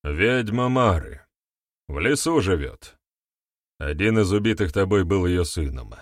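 A man's voice: on the low side, moderate pace, dry recording, clean studio sound, close to an everyday voice. A man voicing a gloomy, cold older male clan leader who speaks harshly.

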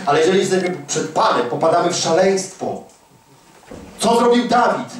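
Fervent preacher in an echoey hall. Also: male voice, high voice, big pitch swings, moderate pace, slight background noise. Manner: fervent, emphatic preaching with rhetorical questions. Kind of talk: sermon. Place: large echoey prayer hall. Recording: echoey hall recording from far off.

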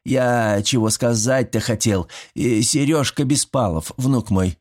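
A man's voice: mid-range voice, measured pace, darkish tone, pitched above the performer's own voice, natural voice. A man voicing a fussy, good-natured old village grandfather who talks in folksy rural speech, sighing and fretting. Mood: fretful. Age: older.

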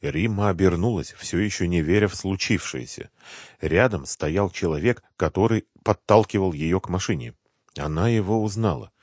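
A man narrating an audiobook in a steady, measured storytelling way, close to the mic. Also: deep voice, no room sound. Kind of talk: scripted narration.

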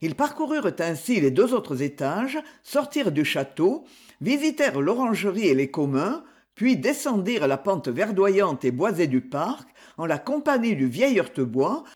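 A reader narrating a classic French novel in an expressive literary manner. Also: mid-range voice, a little slow, breathy edge. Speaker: audiobook reader.

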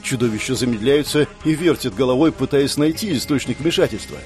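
A man's voice: mid-range voice, brisk, darkish tone, faint music behind. A man narrating a first-person fantasy story in a tense, dramatic reading style. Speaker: audiobook narrator.

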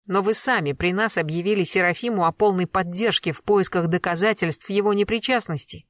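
Reader doing young woman writer, honest, uncertain, quiet reasoning, dry sound. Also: mid-range voice, brisk, dry recording, natural voice. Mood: earnest. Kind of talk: audiobook character reading.

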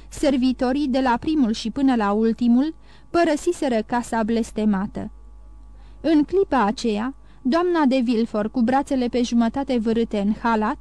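A woman narrating a classic novel as an audiobook, reading in a measured, even way. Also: fairly high pitch, no echo. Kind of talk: scripted narration.

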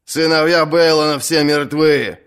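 A rough lame sea captain heckles from the crowd in a storybook reading, voiced by a man. He jeers loudly, with a raised and lively voice. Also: on the high side, normal speed, voice pushed up. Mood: jeering. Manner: shouting, jeering.

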